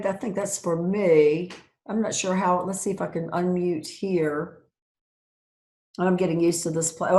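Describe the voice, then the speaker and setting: Woman university lecturer, casual online class, lots of fillers and restarts, reverberant room on a computer mic. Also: lowish voice. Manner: casual, with frequent ums and self-corrections. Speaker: university professor. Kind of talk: online lecture over video call. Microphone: video call computer mic.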